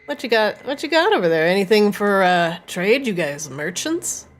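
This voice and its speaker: A woman voicing a shady male highwayman in a tabletop game, hesitant and drawn-out, wheedling with false casualness. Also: very animated, close to an everyday voice. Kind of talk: tabletop game role-play.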